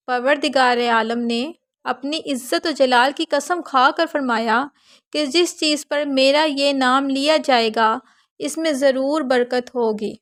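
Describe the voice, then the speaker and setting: A woman teaching Quran recitation online, explaining pronunciation step by step and spelling out letters and vowels slowly. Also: high-pitched, gravelly. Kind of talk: recitation lesson with slow demonstrations.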